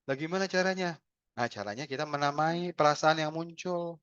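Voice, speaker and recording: A man teaching health communication in an online webinar, acting out short example dialogues in a lively way. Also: on the high side, brisk, clean tone, no echo, lo-fi sound. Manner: animated, acts out little dialogues. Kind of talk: webinar lecture with acted examples.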